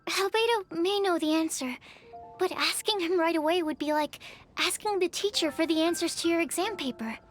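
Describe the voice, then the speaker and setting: A woman voices a shy, studious young alchemist in a video game, speaking hesitantly, carefully, and analytically in an extremely high pitch at a moderate pace. She sounds earnest and pensive, with music in the background.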